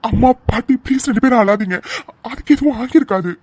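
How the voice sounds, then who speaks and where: A woman voicing a gentle young man in a cartoon, pleading and reassuring. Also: fairly high pitch, fast, breathy edge, no echo, pitched below the performer's own voice. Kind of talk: cartoon voice acting.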